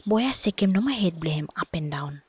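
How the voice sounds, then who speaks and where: A woman's voice: on the low side, expressive, brisk, darkish tone, slightly rough, no echo. A woman with a Solomon Islands accent narrating a storybook expressively in Solomon Islands Pidgin.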